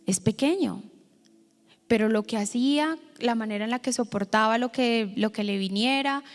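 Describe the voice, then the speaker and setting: A woman pastor giving a sermon, telling a personal story to the congregation in a lively, direct way. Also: fairly high pitch, moderate pace. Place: church hall. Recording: long church hall reverb.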